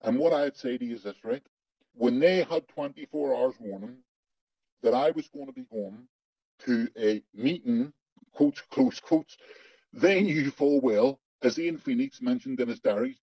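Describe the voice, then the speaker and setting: A man speaks through a digital voice disguise that hides his identity, and the altered tone sounds dark and heavy. He is blunt and emphatic, swears freely and repeats words to press his point. The sound is dull and lo-fi, as if it came over a remote connection. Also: mid-range voice, no room sound. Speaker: interviewee, former undercover agent. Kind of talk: angry first-person testimony in an interview.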